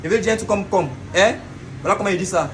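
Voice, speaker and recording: A man's voice: high-pitched, fast, a crowd in the background. A man hosting a casual comedy video, playfully explaining things and acting out every example himself. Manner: playful, acts out examples with stuttering.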